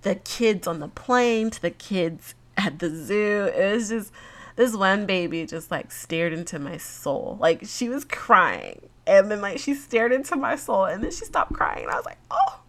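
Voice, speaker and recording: Slow, chatty, giggly young woman. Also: medium pitch, very animated. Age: 20s. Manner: chatty and giggly, lots of fillers. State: congested. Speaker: vlogger. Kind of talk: casual chat to camera.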